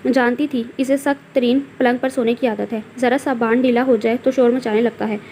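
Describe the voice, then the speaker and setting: A woman reading a novel aloud, narrating in a steady storytelling manner. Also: fairly high pitch, normal speed, a little hiss or hum.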